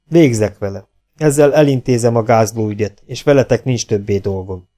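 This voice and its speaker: A man voicing a calm, fearless outlaw leader with a musical baritone, who speaks quietly and with cold self-assurance. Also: soft background music, lightly acted. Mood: commanding.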